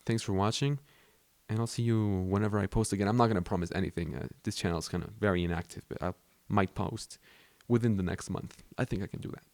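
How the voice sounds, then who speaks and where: Fast and steady, this young man's voice is fairly low and darkish, with no room sound. He's a vlogger from Mexico, a native Spanish speaker, chatting loosely about his camera equipment with lots of fillers and false starts.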